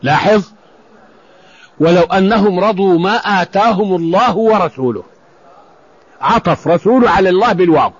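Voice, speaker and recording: A man's voice: sits high, expressive, moderate pace, long pauses, husky. A man preaching, telling an old story and explaining scripture, often restarting and repeating words. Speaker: Islamic preacher. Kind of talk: sermon storytelling with Quran commentary. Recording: dull lo-fi radio recording.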